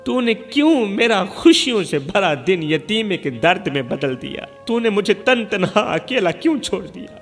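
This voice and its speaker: A woman's voice: medium pitch, sing-song, few pauses, big-room sound, soft background music. A man voicing an orphaned young bride who wails and pleads over her dead mother. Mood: wailing. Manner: wailing, pleading questions.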